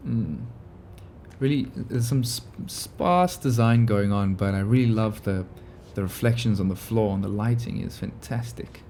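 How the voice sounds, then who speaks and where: A man's voice: on the low side, measured pace, warm tone, slight background noise. A man hosting a gaming video, giving casual, laid-back, musing commentary as he plays.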